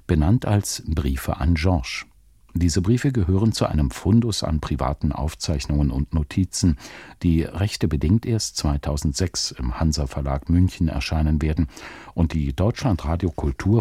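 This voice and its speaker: Man, radio presenter, scripted introduction, very deep, dark husky voice, dry studio sound. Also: no echo.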